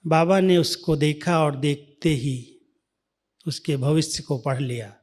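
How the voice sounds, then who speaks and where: Man, spiritual speaker, slow and measured, slightly high voice, hushed asides. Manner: slow, measured, drops to soft near-whispers. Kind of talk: devotional storytelling talk.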